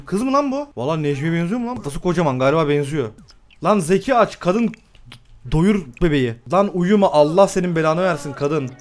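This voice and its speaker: A young man giving excitable live commentary on a game, swearing often and laughing a lot. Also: high-pitched. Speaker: gameplay streamer.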